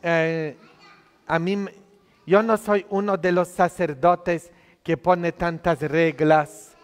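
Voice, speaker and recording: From a church altar with long reverb, a non-native Spanish-speaking priest in his thirties offers a conversational homily rich in tag questions. His fairly high voice is steady and smooth, and he takes it slowly.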